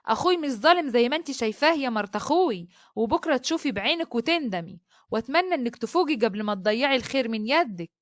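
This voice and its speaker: An outspoken, loyal young sister speaks, as a woman storyteller voices her. The voice is high and fast. The recording is dry and close. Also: lively intonation, dry recording, lightly acted. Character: lively loyal young Upper Egyptian sister.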